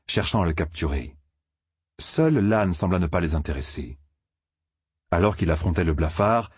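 A man reading a novel aloud as an audiobook narrator, in steady, measured storytelling. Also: deep voice, husky, no room sound, clean studio sound. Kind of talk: scripted narration.

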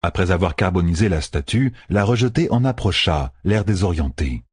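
A man with a husky voice narrating an audiobook with expressive storytelling. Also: low-pitched, moderate pace, no room sound. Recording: dry close recording.

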